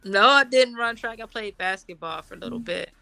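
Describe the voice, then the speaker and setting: A middle-aged Army officer from Washington, D.C., joins a casual interview as a guest, chatting in a relaxed way with frequent laughter and many fillers. Her voice runs on the high side, brisk and gravelly, with no echo.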